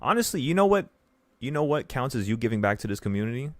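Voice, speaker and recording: With a medium-pitched, very animated voice, a young options trading teacher in his twenties speaks fast to his livestream audience, no echo behind him. He's casual, earnest and rambling, leaning on repeated phrases for emphasis.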